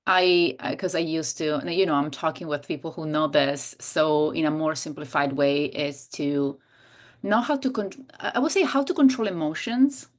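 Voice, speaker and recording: With a low-pitched voice at a moderate pace, a woman in her thirties from Italy, speaking with an Italian accent, is a guest in a casual interview conversation. A coach and hypnotherapist, she talks expressively but sometimes searches for words.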